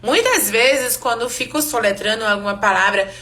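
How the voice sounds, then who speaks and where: A woman teaching an English pronunciation class live online, explaining slowly and repeating each word for her students. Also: fairly high pitch, lively intonation, pushed and bright.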